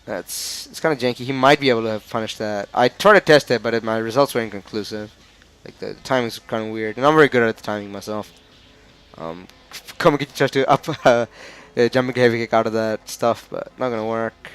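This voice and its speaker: A man's voice: mid-range voice, a little fast, fairly bright tone, clear, resonant tone. A man with an Australian accent giving casual analysis of a fighting game match, chatty and often stumbling over the players' names.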